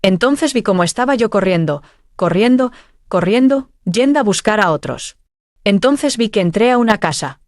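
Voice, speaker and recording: A woman's voice: mid-range voice, animated, normal speed, no room sound, clean studio sound. A woman telling of a dream vision at church, earnest and heartfelt. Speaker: church member giving testimony.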